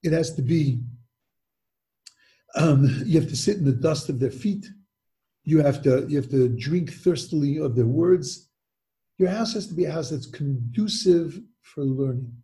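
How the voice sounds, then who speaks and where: A man's voice: a little high, expressive, a little slow, mellow. A man teaching a Mishnah lesson, asking rhetorical questions and often restarting his sentences. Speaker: Torah teacher.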